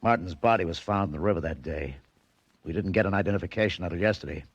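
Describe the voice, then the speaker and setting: An American man playing a gruff, sardonic police detective in a 1940s radio drama, talking in curt sarcastic lines. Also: low voice, fast, dry recording, dull audio. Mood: brusque explaining. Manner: curt, sarcastic, clipped tough-cop talk.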